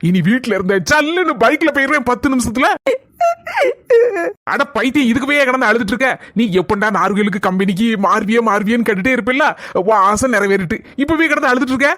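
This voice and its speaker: A man's voice: high voice, quick pace, sharp tone, no room sound, clean studio sound. A man playing a cheerful, affectionate young husband in a comedy sketch, who teases his wife. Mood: teasing.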